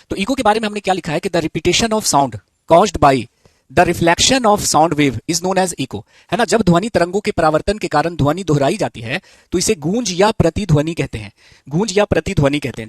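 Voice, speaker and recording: A man teaching a physics lesson, asking questions and answering them himself, and repeating key terms slowly. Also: on the high side, no room sound. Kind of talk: live online physics lesson.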